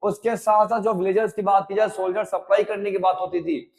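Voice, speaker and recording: A man's voice: high-pitched, level tone, brisk, darkish tone. A male teacher giving a history lesson, mixing Hindi and English, calling students 'beta' and asking if they follow. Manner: mixes Hindi and English, calls students 'beta', keeps checking "haan ya na?". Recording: long reverb, echoey room.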